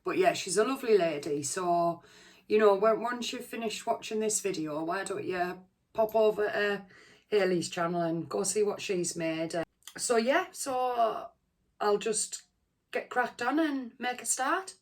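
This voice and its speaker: A woman's voice: mid-range voice, lively intonation, measured pace. A British woman chatting casually to her viewers as a cooking vlogger, hesitant and rambling, with a sore throat and a short-of-breath, strained voice. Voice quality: strained, under-the-weather voice. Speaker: cooking channel host.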